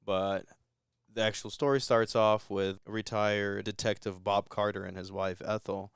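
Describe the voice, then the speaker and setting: A man's voice: fairly low pitch, level tone, a little slow, gravelly, smooth, no echo, clean studio sound. A man co-hosting a podcast, giving a rambling, laid-back recap of a movie in casual chat with chuckles. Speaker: podcast co-host.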